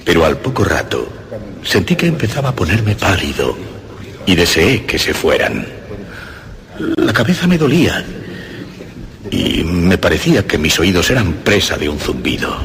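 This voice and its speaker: A man narrating a dramatic first-person audiobook story, building from calm telling to frantic, laughing shouts. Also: sits low, moderate pace, pauses often, a crowd in the background.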